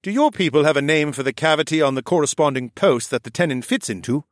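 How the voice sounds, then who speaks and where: A curious, polite falcon man with a raised, lively voice, as a man puts him on. He asks his questions with open admiration. The sound is dry and close. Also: on the high side, fast talker, no room sound, voice pushed up, natural voice.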